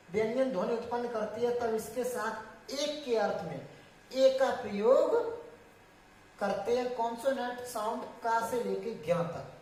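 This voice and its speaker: A woman's voice: a little high, a little mellow, a little hiss or hum. A woman explaining English grammar to a class, often asking a question and then answering it herself, with frequent restarts. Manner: repeats and restarts, asks and answers own questions. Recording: distant echoey room sound.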